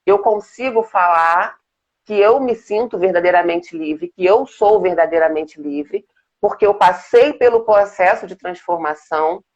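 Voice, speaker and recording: A Brazilian woman guest in a casual interview, talking in an earnest, reflective and halting way. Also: on the low side, darkish tone, dull audio. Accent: Brazilian Portuguese. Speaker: guest, business mentor.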